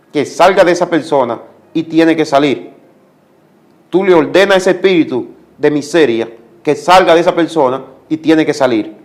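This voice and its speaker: A man giving a religious testimony as a guest, speaking like a preacher and repeating commands for emphasis. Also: a little high.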